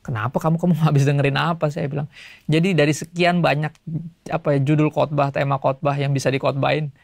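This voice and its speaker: A male pastor giving a casual sermon to young people, telling stories in relaxed everyday slang. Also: fairly high pitch, vocal fry, no room sound. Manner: chatty storytelling in everyday slang; acts out voices in quotes.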